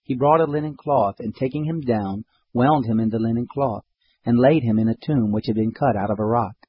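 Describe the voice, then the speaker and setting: A man with a husky voice giving a steady, measured scripted reading of scripture, his voice softening at the ends of phrases. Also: mid-range voice, dull audio. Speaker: scripture reader.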